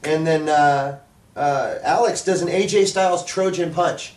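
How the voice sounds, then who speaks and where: A man's voice: on the high side, unhurried, darkish tone. A man co-hosting a casual wrestling review, joking as he recaps moves in detail. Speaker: co-host of a wrestling review show. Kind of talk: casual sports review chat. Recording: roomy, distant microphone.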